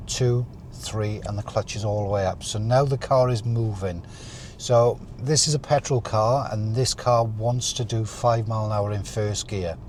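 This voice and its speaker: A man with a fairly low voice speaks as a driving instructor. He explains things calmly, step by step, while demonstrating at the wheel. The recording is made inside a car, with faint vehicle noise behind him.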